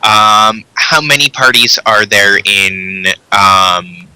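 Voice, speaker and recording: A man at a tabletop game asks questions slowly, with many pauses and ums. His voice is fairly low but very bright. It sounds close and dry. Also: clean tone, no room sound, poor audio. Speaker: player.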